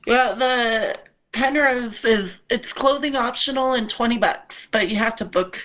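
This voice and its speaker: A bubbly, giggly woman chatting as a podcast guest over a video call. Her voice sits a little high and she talks at an unhurried, drawn-out pace, laughing between her sentences. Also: a bit bright. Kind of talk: casual chat.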